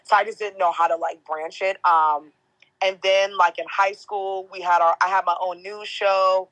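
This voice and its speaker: A young woman with a deeper natural voice, slightly bright and steady in tone, speaks at a normal pace on an entertainment podcast. She's a chatty host who laughs often and tells slangy stories in casual interview talk, captured in a dry, low-quality recording.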